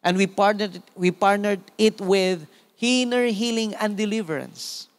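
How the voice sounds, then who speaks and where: Animated Filipino pastor, fairly high voice. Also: male voice, unhurried, smooth. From Philippines. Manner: animated preaching with frequent call-outs of amen and praise God. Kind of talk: sermon.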